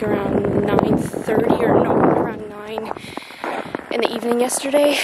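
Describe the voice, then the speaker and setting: A young woman talks upbeat to a handheld camera, her voice sitting a little high and her pace slow and unhurried. Loud car and road noise rumbles behind her. She chats casually, with plenty of ums along the way. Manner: chatty, upbeat, with frequent fillers. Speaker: vlogger. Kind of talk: casual travel vlog. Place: in a car, outdoors on ice, and in a living room. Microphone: handheld camera at arm's length.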